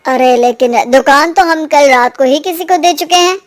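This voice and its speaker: A woman's voice: sits high, normal speed, close to an everyday voice. A woman voicing a blunt, matter-of-fact male shop owner. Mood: firm.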